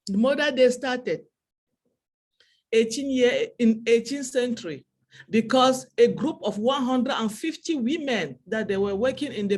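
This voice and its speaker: Her voice on the high side, a woman from Cameroon gives a heartfelt webinar speech to an online audience. French is her first language, she speaks with a Cameroonian French accent, and she repeats phrases to emphasize them.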